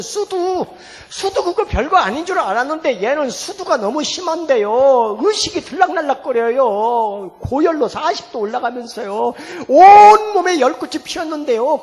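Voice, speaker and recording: In a hall with long reverb and faint music in the background, a middle-aged pastor with a very high voice preaches a lively sermon built around a family story. His delivery swings between hushed and loud.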